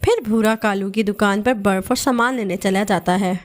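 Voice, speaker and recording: A woman narrating a children's cartoon story in a steady, scripted storytelling manner. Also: medium pitch, moderate pace.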